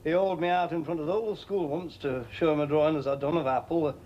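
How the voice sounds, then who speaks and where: A man's voice: fairly high pitch, steady tone, fast talker, a little mellow, muffled recording, a little hiss or hum, lightly acted. An actor playing a blunt, scornful middle-aged miner father. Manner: blunt, scornful, grumbling with dry laughs.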